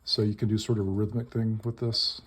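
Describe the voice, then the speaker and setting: A man demonstrates a modified electronic instrument in a casual, hands-on walkthrough, explaining bit by bit in short, tentative phrases. His lowish voice is level, brisk, a bit bright and husky. The recording is very noisy with device buzz and clicks, while electronic toy noises and button clicks sound in the background.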